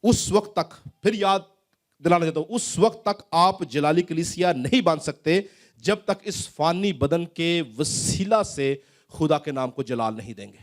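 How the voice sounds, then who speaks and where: A male pastor preaching a sermon in a church hall, asking rising questions and then dropping his voice low.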